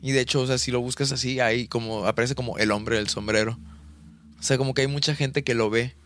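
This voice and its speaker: A man's voice: mid-range voice, steady tone, fast, a bit bright. A young man talking casually on a podcast, his mid-range voice stumbling over restarts and fillers as he goes. A faint background hiss sits under the recording. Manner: hesitant, many restarts and fillers. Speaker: podcast co-host. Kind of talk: casual chat.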